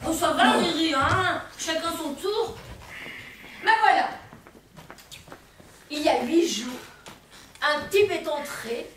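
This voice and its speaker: A woman's voice: high voice, takes it slowly, long pauses, fairly bright tone, slight background noise. A woman playing a chatty, cheerful young switchboard operator in a stage comedy, gossipy and exclaiming. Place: theatre stage. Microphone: distant room mic. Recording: echoey hall from far off.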